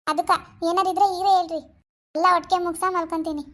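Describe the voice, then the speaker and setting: A woman's voice: very high-pitched, fairly even intonation, fast. A woman voicing a weary young daughter-in-law. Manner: polite, listing chores, weary. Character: tired young daughter-in-law, patient but worn out.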